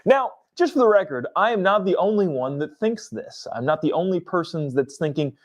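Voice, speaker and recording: A young man hosting a live political talk stream, giving casual commentary and reading viewer comments aloud in an animated way. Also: a little high, brisk. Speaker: livestream host.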